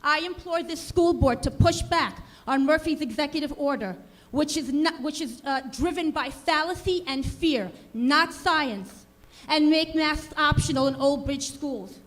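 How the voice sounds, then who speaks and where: High-pitched woman pleading with a board. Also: a little slow, fairly bright tone. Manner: pleading, urgent appeal. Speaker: parent giving public comment. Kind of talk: public comment at a school board meeting. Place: school board meeting room.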